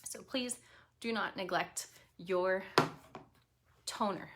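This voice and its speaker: A woman's voice: mid-range voice, takes it slowly. Lady walking you through her skincare line, chatty how-to tone, talks right to the viewer. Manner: friendly, instructive, direct address to viewer. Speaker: skincare product presenter. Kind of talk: explanatory product tutorial.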